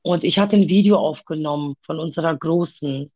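A woman talking haltingly about her own past in a personal conversation, with many pauses and fillers. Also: deep voice, dark tone, highs cut off.

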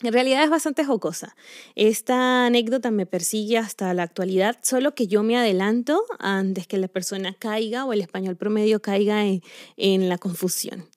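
A woman from Latin America hosting a podcast, telling personal anecdotes in a lively, playful way and acting out the lines she quotes. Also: medium pitch, moderate pace, dry recording, clean studio sound. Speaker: podcast host. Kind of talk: personal storytelling monologue. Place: Spain, living there now.

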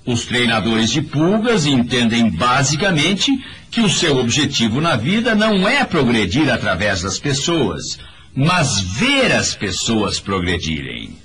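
A man's voice: medium pitch, very animated, a little slow, fairly bright tone, soft background music. A man giving an emphatic motivational speech in a voice-over, talking straight to his audience. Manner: emphatic, preachy, addresses the audience directly. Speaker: motivational speaker.

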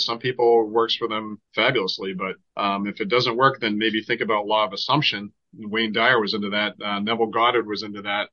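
A man with a Boston accent chats eagerly as a podcast guest, his low voice carrying a bright, forceful edge. He often restarts his sentences and keeps the talk moving. The audio is a little dull and lo-fi. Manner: enthusiastic, chatty, restarts often. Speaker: podcast guest, Reiki healer. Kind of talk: casual conversation.

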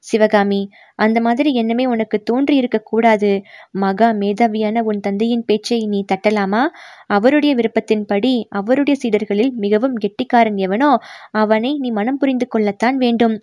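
Brief: woman reading a teasing young prince, bright and higher-set, close and dry, audiobook. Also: fairly even intonation, normal speed, no echo, lightly acted. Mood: stern. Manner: bantering, scolding.

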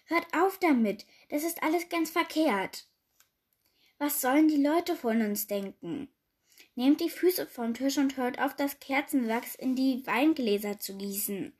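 A woman voicing a fussy, prim queen who is anxious about manners, reading the rules aloud a little louder. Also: high voice, lively intonation, a little slow, slightly rough, heavily acted. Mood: desperate.

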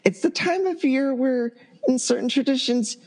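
A man's voice: very high voice, normal speed, darkish tone. Campy, playful male podcast host. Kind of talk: casual podcast chat.

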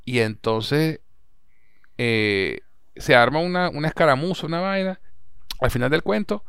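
A young man with a Venezuelan Spanish accent, chatting casually as a podcast host and recapping a series in an animated way. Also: on the high side, unhurried, vocal fry, clear, resonant tone, no echo, studio quality. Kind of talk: casual chat.

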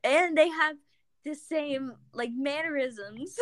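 Brief: young woman, light higher voice, slow unhurried delivery, giggly, dry close sound. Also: no echo. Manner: giggly, gushing, trails off with "like". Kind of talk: casual chat.

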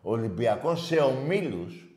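A man hosting a call-in sports radio show, loud and mocking as he argues with callers. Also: medium pitch, big pitch swings, echoey room. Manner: loud, shouting and mocking rival fans. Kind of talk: heated call-in sports banter.

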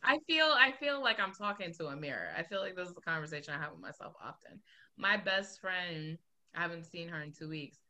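A woman's voice: on the low side, lively intonation, a little fast, pushed and bright. A woman hosting a podcast, talking candidly and emotionally, laughing often as she speaks. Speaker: podcast host. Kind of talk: casual podcast conversation.

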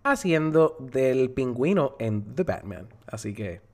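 A man's voice: mid-range voice, very animated, unhurried, darkish tone. A man chatting about a film on a podcast, playful and joking, swearing and tossing in English words. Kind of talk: casual film review chat.

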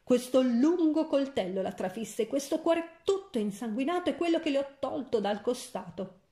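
A woman's voice: high-pitched, lively intonation, moderate pace, mellow, echoey room. A woman voicing a huntsman who speaks plainly and deferentially in a read-aloud fairy tale. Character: deferential huntsman, young man.

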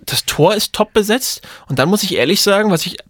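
A man's voice: sits high, lively intonation, a little fast, a bit bright, no echo. Man, casual hockey chat, dry jokes, stumbling restarts, close dry mic. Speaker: podcast co-host.

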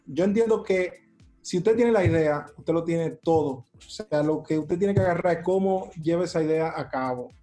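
A Dominican man in casual explanatory talk, with a fairly high voice. He is slangy and emphatic, repeating his points, and faint music plays behind him. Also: moderate pace, warm tone. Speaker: content creator.

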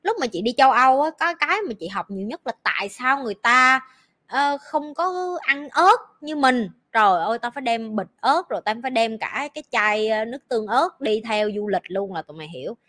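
A woman with a Southern Vietnamese accent, a life coach talking in a casual advice podcast, animated and joking as she tells stories. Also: fairly high pitch, a little fast. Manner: animated storyteller who acts out quotes and jokes with mock swearing.

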